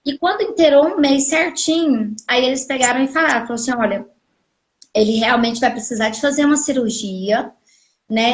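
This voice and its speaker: Woman from Goiás, middle-aged, high-pitched, animated storyteller, roomy live-stream sound. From Goiás, Brazil. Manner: animated, acts out quoted dialogue. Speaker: guest telling her story. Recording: echoey room audio from a live stream.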